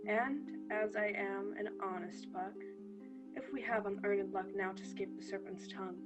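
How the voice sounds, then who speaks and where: Brief: a woman plays a mischievous sprite in rhyme, guitar music clear underneath. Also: medium pitch, fairly even intonation, normal speed, close to an everyday voice, poor audio. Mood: playful. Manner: rhythmic, playful verse recitation. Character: mischievous male fairy sprite. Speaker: student actor.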